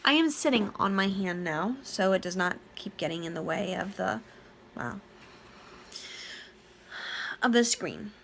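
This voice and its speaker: A woman's voice: mid-range voice, expressive, measured pace, creaky, long pauses, a bit bright, a little hiss or hum. A woman working as a direct sales consultant, giving a casual training talk to her team. She sounds tired and yawny late at night but stays chatty and eager, with lots of fillers and restarts.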